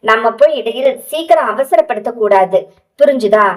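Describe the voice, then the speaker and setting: A woman voicing a young male hero in a romance story, tender but gruff, scolding with endearments. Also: a little high, animated, moderate pace, distant mic, close to an everyday voice, rough recording. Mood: soothing.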